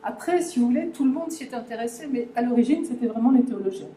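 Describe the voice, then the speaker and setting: Woman lecturer, dark mellow voice, halting talk to a live audience, roomy echo. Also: a little high, animated, slight background noise. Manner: hesitant, many fillers and restarts, addresses audience directly. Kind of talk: conference talk explaining a language. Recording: echoey lecture room.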